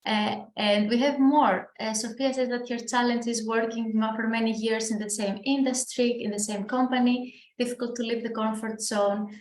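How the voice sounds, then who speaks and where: A woman's voice: on the high side, fairly even intonation, moderate pace, hardly any pauses. A woman co-hosting an online session, reading out audience comments on a video call. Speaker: session co-host reading the chat. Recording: roomy call audio with faint noise.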